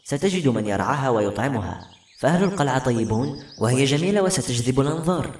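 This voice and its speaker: A man voicing a kind woman who speaks gently and reassuringly, in a roomy recording. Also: mid-range voice, expressive, quick pace, lightly acted. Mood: comforting. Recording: roomy echo.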